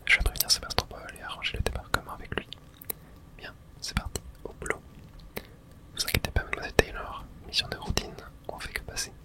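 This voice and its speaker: Through an ASMR playthrough of a video game, someone whispers the dialogue in a quiet, unvoiced way, speaking rapidly.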